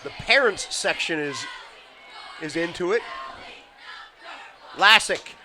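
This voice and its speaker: A man calling play-by-play at a high school football game, with a high, very bright and sharp voice. He calls each play slowly and deliberately. Faint crowd and noise sit behind him in the outdoor feed. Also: animated. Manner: measured calls that rise for big plays. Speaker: play-by-play announcer.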